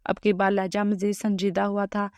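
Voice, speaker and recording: A woman narrating a romantic story in a steady scripted reading. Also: medium pitch, dry recording, studio quality.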